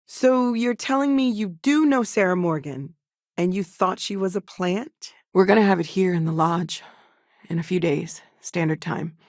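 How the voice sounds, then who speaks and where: A curious, earnest woman researcher in a video game. Her voice sits a bit low and is recorded very dry. She speaks naturally and thoughtfully, with wry hesitations. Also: a little mellow, dry recording. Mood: conversational. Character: young-sounding woman scientist, earnest, curious, wry explorer. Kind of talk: video game dialogue, conversational acting.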